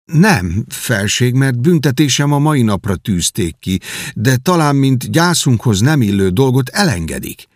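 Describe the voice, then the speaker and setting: A man's voice: medium pitch, very animated, no room sound, clean studio sound, pitched above the performer's own voice. A man voicing a humble, devoted young whipping boy who speaks in an earnest, imploring way. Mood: pleading.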